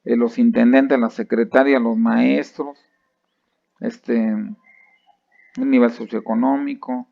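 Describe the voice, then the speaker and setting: A Mexican-accented man lectures on thesis methodology in a strongly gravelly voice. He talks loosely and conversationally, with fillers, restarts and rhetorical check-ins to his students. The recording is dry and dull, with a lo-fi sound. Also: medium pitch, darkish tone, no echo. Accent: Mexican Spanish.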